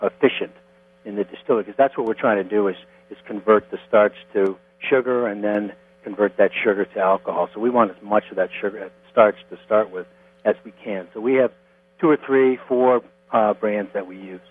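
A middle-aged man from Connecticut, a distiller being interviewed, explaining things step by step in a plain, unhurried way. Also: fairly low pitch, steady tone, slightly rough. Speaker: guest, distiller. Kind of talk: phone interview. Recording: tinny phone line with mains hum.

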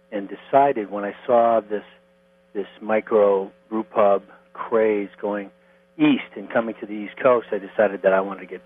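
A middle-aged man from Connecticut speaks as a guest distiller, walking through his work step by step in an unhurried, plain way. His voice sits low. It comes over a thin, phone-like line with a steady electrical hum behind it. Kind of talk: phone interview.

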